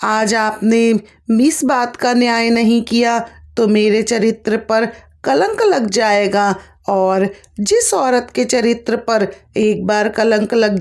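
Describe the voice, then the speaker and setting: A woman voicing a patient, devout young daughter-in-law who speaks politely and pleads. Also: a little high.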